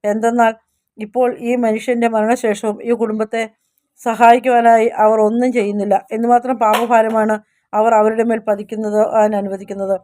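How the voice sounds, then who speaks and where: A woman reading a devotional story in the first person, measured and steady, with small restarts now and then. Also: on the high side. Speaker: narrator. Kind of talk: scripted devotional story narration.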